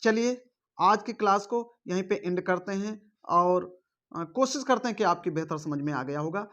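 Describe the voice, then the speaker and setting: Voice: medium pitch, moderate pace, a bit bright, dull audio. A teacher giving an online grammar class, mixing in English grammar terms and checking in often with rhetorical questions. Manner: quizzes with rhetorical questions, frequent "theek hai" check-ins.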